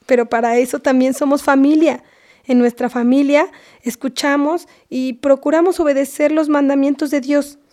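A woman's voice: sits high, steady tone, normal speed, darkish tone, lightly acted. A woman playing a scolding but loving mother with a Mexican accent, lecturing her daughter in a comedy sketch. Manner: scolding, lecturing, half-whispered.

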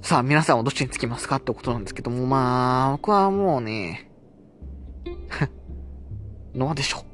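A man's voice: medium pitch, fairly even intonation, fairly quick, pauses often, fairly bright tone, faint music behind. A man hosting a casual solo talk show, recounting events in a chatty way and sometimes mimicking what others said. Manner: chatty, recaps promos in a lightly mimicking tone. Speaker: podcast host reviewing wrestling shows.

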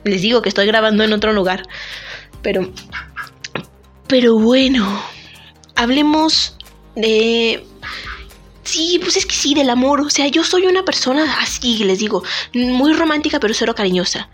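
A woman hosts a relaxed solo talk show, teasing herself and her listeners. Her voice sits a little high, and faint music plays behind her. She is a bit under the weather but keeps the chatter loose and playful. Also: unhurried, pauses often. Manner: chatty, joking, self-deprecating. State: sick. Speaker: podcast host. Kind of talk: casual monologue to listeners. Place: temporary recording spot.

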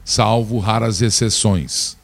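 A man's voice: on the low side, fairly even intonation, slow, gravelly, soft background music. A man from Brazil giving opinionated political commentary, indignant and scornful, talking straight to his listeners.

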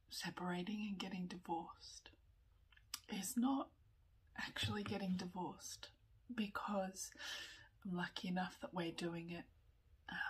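A woman in her thirties, tearful with a running nose, talking candidly in a personal vlog, often in a breathy whisper and pausing as she goes. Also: fairly low pitch, a bit bright, poor audio. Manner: slow, halting, candid, with small laughs. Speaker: vlogger.

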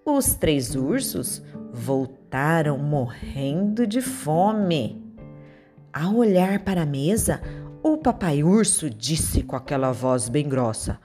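A woman reading a children's fairy tale aloud in an expressive storytelling way. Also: sits low.

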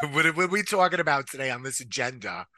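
A man's voice: medium pitch, brisk, dry recording. A young man co-hosting a podcast, chatting playfully and laughing easily. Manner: jokey, laughs easily, animated. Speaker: podcast co-host, speech therapist. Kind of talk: playful casual chat. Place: New York City.

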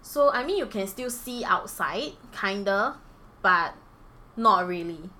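Young female podcast storyteller, Singlish, bright lively voice, some background noise. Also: medium pitch, slow. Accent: Singaporean, Singlish. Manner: animated, giggly. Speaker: podcast co-host telling stories. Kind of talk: casual storytelling chat in colloquial Singlish.

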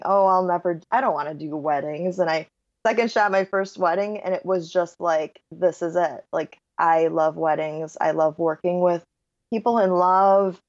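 Chatty woman with a slightly low voice. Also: darkish tone, dry recording, highs cut off. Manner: bubbly, laughs often, says "like" a lot. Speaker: podcast guest, wedding photographer. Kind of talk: casual interview chat.

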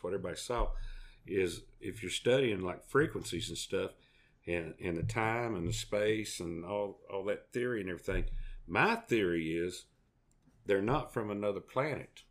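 A middle-aged man with a Southern US accent, chatting in a rambling, down-home way as a podcast co-host. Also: on the low side. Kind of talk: folksy casual chat.

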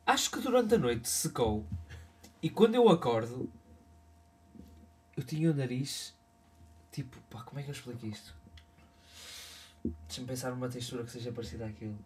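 A man's voice: medium pitch, moderate pace, long pauses, a little hiss or hum. A young man with a European Portuguese accent, co-hosting a podcast in casual, teasing banter with a friend. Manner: teasing, playful, animated in bursts. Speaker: podcast co-host.

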